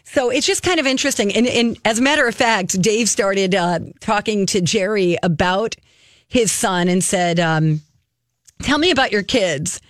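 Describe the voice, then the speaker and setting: A woman's voice: medium pitch, moderate pace, no room sound, studio quality. A woman co-hosting a radio talk show, recapping a story in a chatty, casual way.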